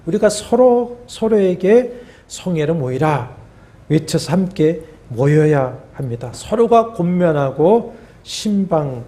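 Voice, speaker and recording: A man preaching a sermon as a pastor, in measured phrases with pauses and fillers, his voice dropping at the ends of phrases. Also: high voice, animated, mellow. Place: church sanctuary.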